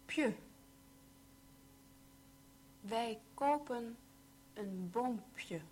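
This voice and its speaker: Slow woman reading lesson sentences. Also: on the high side, animated, slight background noise. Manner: slow, evenly pronounced sentences. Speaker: language teacher reading examples. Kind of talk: slow read-aloud language drill.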